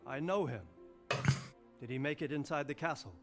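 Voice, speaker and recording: An actor playing a castle lord in a video game, giving formal, authoritative orders. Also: male voice, a little high, moderate pace, music in the background, close to an everyday voice. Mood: grave. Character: castle lord, commanding and grave.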